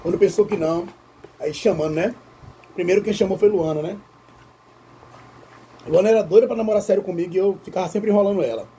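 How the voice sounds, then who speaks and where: A man who tells a story to his viewers while eating, in an animated way and often calling out to them. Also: sits high, fast, long pauses, slight background noise. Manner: animated, addresses viewers as "gente". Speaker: vlogger. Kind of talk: casual storytelling during a mukbang.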